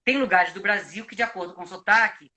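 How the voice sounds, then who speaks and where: Brazilian man, actor, bright voice, reflective explaining, restarts, video call. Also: high voice, fast talker. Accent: Brazilian Portuguese. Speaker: actor and acting coach. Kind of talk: live video chat, giving advice.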